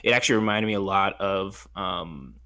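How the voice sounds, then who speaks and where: A man's voice: sits low, moderate pace, sharp tone. A man co-hosting a casual film chat, talking in an informal, slangy way with some swearing. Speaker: podcast co-host.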